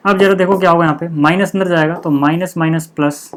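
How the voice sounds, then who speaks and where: A man teaching a maths lesson step by step, checking in constantly with "okay" and repeating the key steps slowly. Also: a little high, fairly even intonation.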